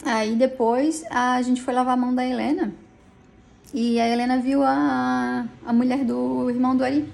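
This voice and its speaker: The voice is high, level and creaky, darkish in tone, at a moderate pace. It belongs to a tired middle-aged woman in a police station who vlogs an emotional account of her dispute, agitated and rambling, with many restarts.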